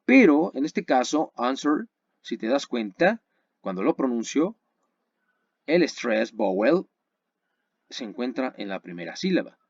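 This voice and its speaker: A man teaching English grammar in a webinar, explaining patiently, checking in with his students often, and slowing down to spell and model words. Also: medium pitch, big pitch swings, breathy edge, no room sound, lo-fi sound.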